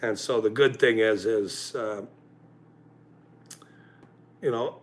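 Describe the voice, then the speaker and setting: A channel host in his forties rants angrily on a livestream, swearing and breaking into loud outbursts before joking about himself with self-mocking laughs. His voice is on the low side, his tone steady, and he takes his time.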